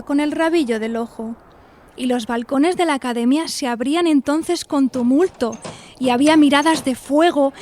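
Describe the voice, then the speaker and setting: Here the radio play's narrator and lead, an actress voicing a romantic, self-dramatising 1890s young single woman, sounds darkish in tone and close to an everyday voice, with a little hiss or hum. Her theatrical first-person monologue stays high-voiced, melodramatic, confiding and coquettish.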